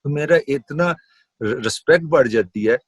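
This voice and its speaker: A middle-aged man with a Punjabi-accented Urdu, giving an animated classroom lecture and slipping English phrases into his talk. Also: mid-range voice, breathy edge, dry recording, lo-fi sound. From Pakistan. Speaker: university lecturer.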